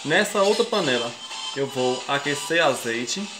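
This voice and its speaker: Hosting a laid-back cooking show from his kitchen at home, a young Brazilian man explains every step and keeps calling his viewers "folks." His medium-pitched voice has lively intonation and is a little slow, with a Brazilian Portuguese accent. The kitchen is echoey, with music behind.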